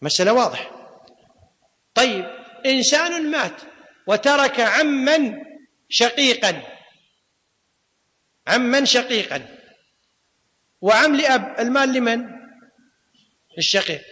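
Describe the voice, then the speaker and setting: His voice now is very high-pitched, bright and forceful, animated yet slow, with long pauses between phrases. This teacher of Islamic law and grammar quizzes students and restates key points in a classroom lecture recorded with long lecture-hall reverb.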